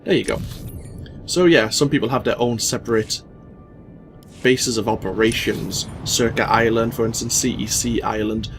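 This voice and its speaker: A man giving casual, rambling, mildly sweary commentary as he hosts a video game playthrough. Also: medium pitch. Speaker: let's play host. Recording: faint game ambience noise.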